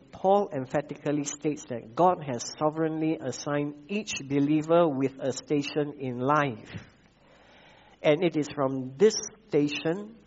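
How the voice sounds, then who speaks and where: A man with a Malaysian English accent preaching a sermon, repeating key phrases and pausing with frequent "uh" fillers. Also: on the high side, a little mellow, muffled recording. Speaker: pastor.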